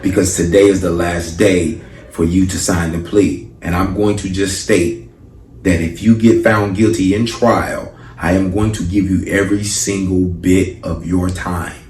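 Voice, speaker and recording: A male comedian voicing a stern, harsh courtroom judge who speaks formally and threateningly, in a voice lower and quieter than his own. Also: steady tone, unhurried. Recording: roomy live venue from a distance, audience.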